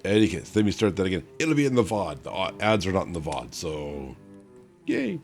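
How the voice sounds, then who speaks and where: Very deep-voiced rambling male streamer. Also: sing-song, brisk, faint music behind. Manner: rambling, self-correcting, chatty. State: tired, hiccuping. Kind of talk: casual stream chat.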